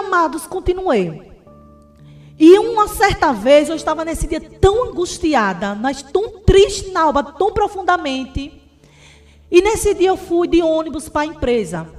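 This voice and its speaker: A woman evangelist giving a fervent testimony sermon in Brazilian Portuguese, often calling her listeners beloved. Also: high voice.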